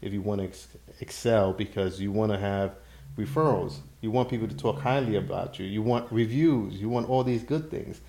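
A male interview host from Brooklyn, with a mellow, darker voice and a steady, affirming manner. He keeps nodding along with short agreements and then sums up in his own words. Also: fairly low pitch, normal speed. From Brooklyn, New York. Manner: affirming, gives frequent backchannel agreement.

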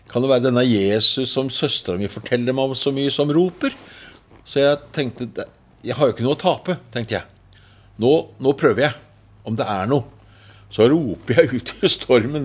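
An older Norwegian man, a preacher, tells a personal testimony in a lively storytelling manner. He acts out his old thoughts as quotes and often restarts on repeated words. His voice sits at an ordinary middle pitch for a man. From Norway. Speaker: singer and preacher. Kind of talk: personal testimony told in an interview.

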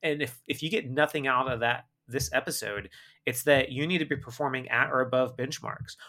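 Here a man with a medium-pitched voice talks a little fast as a podcast interviewee. He's a marketing expert appearing as a guest, and his delivery is emphatic and full of energy, with his points often capped by "right?"

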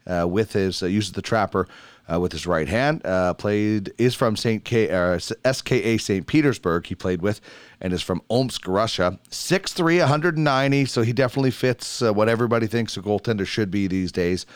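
A man's voice: fairly low pitch, normal speed, clear, resonant tone, no echo. A man from Alberta, Canada, hosting a hockey show and reading out player profiles and statistics. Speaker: hockey podcast host.

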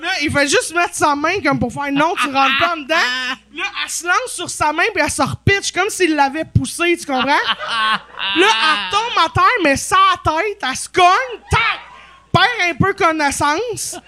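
A woman with a Québécois accent, a podcast guest telling a story in lively casual chat, swearing freely. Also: very high-pitched, normal speed.

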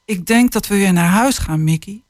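A woman reading aloud, voicing a tired, breathless father in a gentle, quiet way. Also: medium pitch, moderate pace, no echo, clean studio sound, natural voice. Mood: weary gentle.

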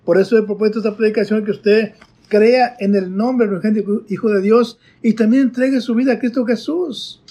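Husky high-voiced man preaching. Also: fairly even intonation, brisk, dark tone. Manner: earnest, repeats "hermanos" and fillers. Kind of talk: sermon.

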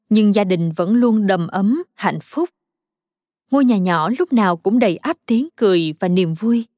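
A woman narrating a children's biography story in a calm, even storytelling manner. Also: mid-range voice, dry recording, clean studio sound.

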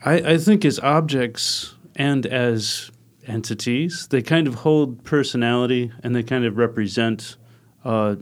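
A man guest answering interview questions in a reflective way, with brief replies that trail off. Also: medium pitch. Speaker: guest, artist and puppet maker.

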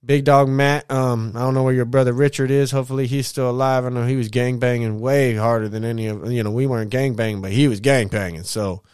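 Brief: young Southern California man, relaxed street-slang storyteller, smooth voice, close and dry. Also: medium pitch, brisk, few pauses, no echo. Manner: laid-back, slangy, profane, lots of shout-outs. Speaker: vlogger. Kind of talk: casual storytelling monologue.

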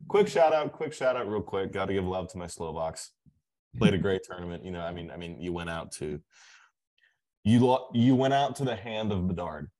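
A man's voice: deep voice, animated, normal speed, dark tone. A man co-hosting a casual sports podcast, making his points emphatically and repeating words as he builds them. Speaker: podcast co-host.

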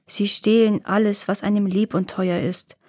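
A woman voicing a kindly male talking bear in a fairy tale reading, speaking calmly and earnestly. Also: mid-range voice, moderate pace, no room sound, clean studio sound, close to an everyday voice. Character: gentle, kindly male bear who can talk.

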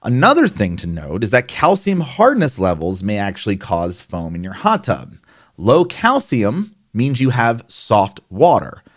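A man with a New Jersey accent talks through care steps in a casual explainer style. His voice sits a little on the low side, and his delivery is plainspoken and chatty, with the odd aside thrown in. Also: wildly swooping pitch, a little slow. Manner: conversational, plainspoken, with asides and fillers. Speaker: hot tub care instructor. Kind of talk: instructional explainer.

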